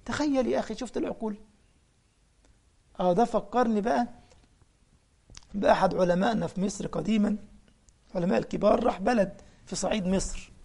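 Egyptian guy preaching, gravelly voice, mocks with questions and tells little stories. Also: high-pitched, fairly quick, long pauses, a little mellow. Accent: Egyptian Arabic. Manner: mocking rhetorical questions, storytelling. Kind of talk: colloquial religious lesson.

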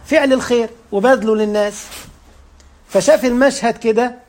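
A man's voice: very high voice, brisk, a little mellow. A man with an Egyptian Arabic accent preaching, interpreting verses with rhetorical questions and joking asides. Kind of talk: sermon with Quran recitation.

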